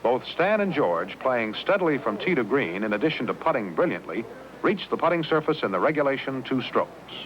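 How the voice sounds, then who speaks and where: A man's voice: mid-range voice, very animated, fairly quick. A man reading scripted narration of a golf match as its announcer. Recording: dull old TV soundtrack, faint noise.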